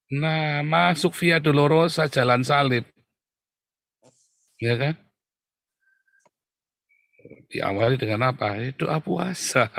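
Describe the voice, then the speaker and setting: A man preaching a sermon, animated and exclamatory, often calling out to his listeners. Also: mid-range voice, creaky, dry recording. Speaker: preacher who counsels pastors.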